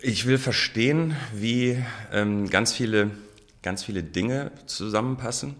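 A German sociologist in his forties answers thoughtfully in a radio interview, thinking aloud hesitantly with frequent ums and restarts. His mid-range voice is a bit bright and measured in pace.

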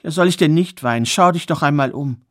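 A weary, impoverished mother from a spoken fairy tale pours out her woes in a rushed, bitter complaint, voiced by a man. Her voice trails off low and heavy. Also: a bit bright, dry recording, studio quality, lightly acted. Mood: despairing. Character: poor mother of six, weary and despairing.

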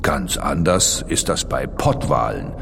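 A man's voice: rumbling low, expressive, slow pace, creaky, a bit bright, long reverb tail, slight background noise, full character voice. A man playing an easygoing, boastful, friendly giant blue whale, explaining things colloquially in a playful children's audio feature. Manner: colloquial, addresses the young listener directly.

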